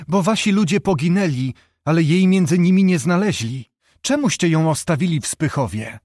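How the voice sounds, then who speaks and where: A man voicing an anxious noble duchess, speaking urgently and pleading in a raised, higher voice. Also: animated, moderate pace, a little mellow, no echo, clean studio sound.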